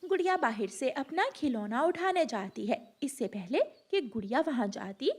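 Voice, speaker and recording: A woman narrates a children's cartoon story in a clear, expressive way. Her voice is high and lively, rising and falling as she tells the story. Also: normal speed.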